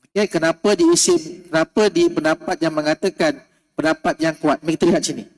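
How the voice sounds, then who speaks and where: A man's voice: fairly high pitch, brisk. A man with a Malaysian Malay accent giving a religious lecture, explaining step by step, repeating key words and checking in with his listeners. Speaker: religious teacher. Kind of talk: mosque lecture. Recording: long hall reverb.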